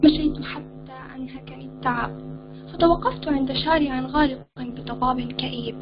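A woman gives an emotive, expressive reading of her short story in a high voice. The recording sounds dull and lo-fi, with music clearly audible behind her. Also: moderate pace. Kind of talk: dramatic literary reading.

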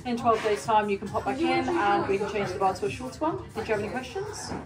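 A woman's voice: medium pitch, expressive, fast talker. A young British woman working as a piercer, reassuring and coaxing a client through a tongue piercing in a studio. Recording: loud music and voices behind. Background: music and chatter.

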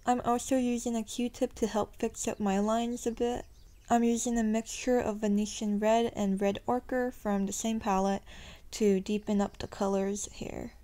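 A woman's voice: fairly high pitch, little pitch movement, moderate pace, warm tone. A young woman narrating her makeup tutorial in a chatty, self-deprecating voice-over, her sentences often rising at the end. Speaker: beauty vlogger.

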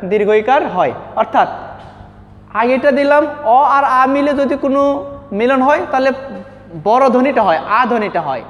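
Male teacher, high voice, steps through slides, repeats words slowly, long reverb on the track. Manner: asks questions and answers them himself, repeats words slowly. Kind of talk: classroom lesson over slides. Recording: dull reverberant recording.

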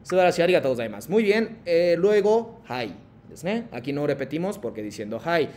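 A Japanese language teacher leads an online class, patiently calling on students by name and mixing Japanese prompts into his Spanish explanations. His voice is fairly high with a darkish tone, and he sounds very animated while speaking a little fast. There is slight background noise.

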